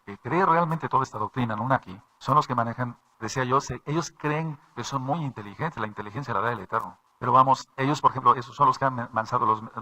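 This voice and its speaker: A man's voice: mid-range voice, bright, forceful tone. A man pastor, preaching a sermon with frequent restarts and repeated phrases.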